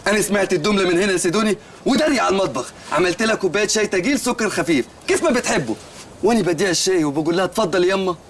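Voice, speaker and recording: In a comedy film, an actor voices a naive, sincere shopkeeper, his voice sitting high and moving very fast. He speaks with an Egyptian Arabic accent and spins rambling, literal-minded tales.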